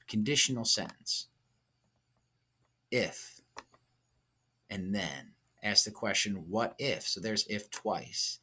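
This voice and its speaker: Thinking aloud through a writing example, a man leads an instructional lesson in a lowish, bright and forceful voice. His coaching moves step by step with quick check-in questions.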